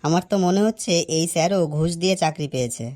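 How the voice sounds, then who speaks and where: A man's voice: a little high, brisk, a little mellow, slight background noise, lightly acted. A man voicing a cheeky, suspicious schoolboy who teases and scolds his friend. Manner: teasing, scolding. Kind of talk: animated cartoon voice acting.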